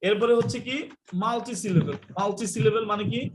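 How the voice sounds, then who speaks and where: Man, online teacher, quick explanations, high voice. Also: noisy background. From Bangladesh. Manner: quick, explanatory, scolds students about mics. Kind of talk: live online class lecture.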